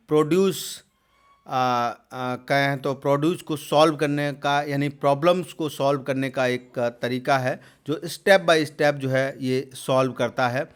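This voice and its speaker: A man's voice: fairly high pitch, smooth. Man tutoring with a rising question voice. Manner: repeats terms and fills with "jo hai" and hesitations; lifts voice loudly on each new question. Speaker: computer exam tutor. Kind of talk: explaining quiz answers in a lesson.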